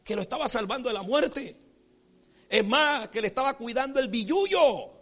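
A man preaching a sermon as pastor, folksy and animated, acting out characters and checking in with his congregation. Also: very high voice, moderate pace, breathy edge. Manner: repeats rhetorical check-ins with the congregation.

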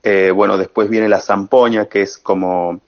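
A man, a guest musician answering interview questions slowly and hesitantly, with many fillers. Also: fairly low pitch, level tone. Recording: muffled lo-fi audio.

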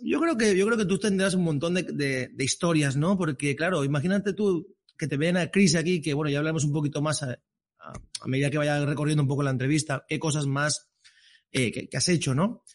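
Male podcast host, voice a bit high; excitable, repeats words, trips into his questions. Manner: halting, repeats words, enthusiastic. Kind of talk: casual interview.

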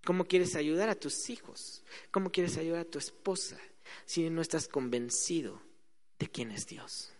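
A man's voice: on the high side, a little slow. A man preaching a sermon in a conversational way, acting out quoted voices. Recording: hall reverb.

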